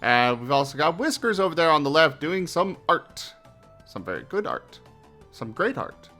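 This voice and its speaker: A man's voice: on the high side, very animated, moderate pace, sharp tone, soft background music. A man hosting a casual gaming livestream, talking upbeat and easygoing over headset audio. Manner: upbeat greetings, easygoing and chatty. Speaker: streamer host.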